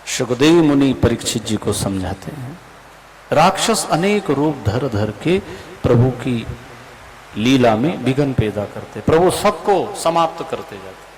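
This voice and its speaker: Animated man narrating a devotional sermon. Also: on the high side. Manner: animated storyteller, acts out the characters' lines; asks the audience questions directly. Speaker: Bhagavat katha preacher. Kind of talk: devotional scripture storytelling sermon. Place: religious gathering before a live audience.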